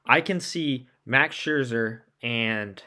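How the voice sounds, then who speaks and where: Bright-voiced man hosting a sports chat. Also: medium pitch, slow. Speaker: podcast host.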